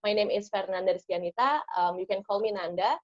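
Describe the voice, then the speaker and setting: A woman's voice: medium pitch, quick pace. A young woman from Indonesia, an intern moderating an online panel over a video call, hesitant with many ums and uhs. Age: young adult. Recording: slightly muffled video call audio.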